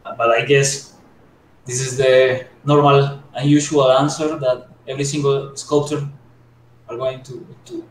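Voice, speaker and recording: Hesitant man from Colombia, guest sculptor, modest, halting answers, roomy distant sound. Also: mid-range voice, level tone. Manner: hesitant, modest, many fillers and restarts. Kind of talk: casual interview answers. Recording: echoey room, distant mic, faint noise.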